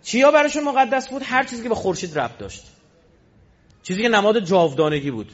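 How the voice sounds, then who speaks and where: A man with a high voice delivers a religious lecture like a story told to listeners. He pushes some lines loud and emphatic, then drops into low, quick asides. The recording sounds muffled and lo-fi. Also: expressive. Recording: dull lo-fi recording.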